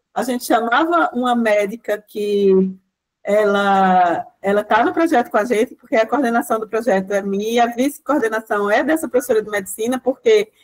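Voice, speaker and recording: Speaking as a guest lecturer in an online class, this project coordinator has a slightly high, darkish voice, captured in poor audio. Her talk over the video call rambles, peppered with "né" tags and restarts.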